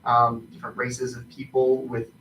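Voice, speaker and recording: A man improvising tabletop game narration as game master, haltingly, searching for his words. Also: medium pitch, monotone, bright, forceful tone. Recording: distant mic, roomy echo, faint noise.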